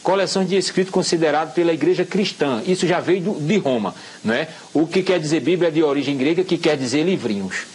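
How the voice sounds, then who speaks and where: Husky man explaining scripture. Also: on the high side, animated, a little mellow. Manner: explains slowly, showing pages, checks with "tá certo?". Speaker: guest Bible scholar. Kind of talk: explanatory talk show interview.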